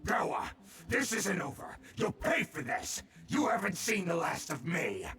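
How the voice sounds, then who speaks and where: An actor voicing a menacing, short-tempered bandit kidnapper in a video game, with a sneering, theatrical delivery. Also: male voice, high-pitched, very animated, a little slow, a bit bright, far from the mic, soft background music, full character voice. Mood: angry, startled. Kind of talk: English video game voice acting.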